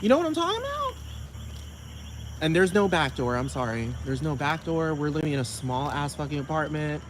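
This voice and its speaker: A man's voice: on the high side, very animated, brisk, a little hiss or hum. A man from the United States on a casual, rambling rant, sassy and profane, often asking rhetorical questions.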